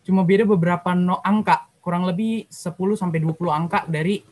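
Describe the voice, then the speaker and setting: A man's voice: high voice, brisk, rough recording. Slangy young man. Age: young adult. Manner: lively, slangy, emotional retelling. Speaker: youth sharing a testimony. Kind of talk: casual storytelling.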